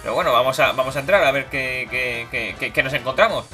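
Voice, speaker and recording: A man's voice: fast talker, bright, forceful tone. A young man gives casual, playful commentary while playing a video game. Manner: playful, voices game characters in silly high tones. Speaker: gaming YouTuber. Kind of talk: casual Let's Play commentary. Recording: game music behind voice.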